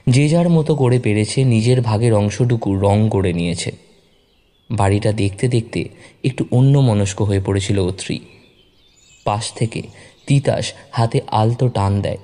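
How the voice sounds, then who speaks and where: A man reading a story aloud in a measured, expressive narration. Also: on the low side. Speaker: story reader. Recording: narration over background music.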